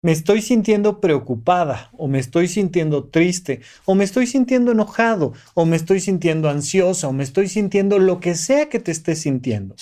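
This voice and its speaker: His voice is high-pitched and expressive with a dark tone, moving at a moderate pace with few pauses. In this motivational podcast monologue, the male host lists steps one by one, explaining didactically and gently coaxing his listener.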